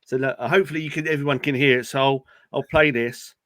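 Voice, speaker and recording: A man's voice: medium pitch, steady tone, fast talker, a bit bright, no room sound. A man giving horse racing tips in a casual online chat, hesitant with many restarts. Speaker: racing tipster panelist.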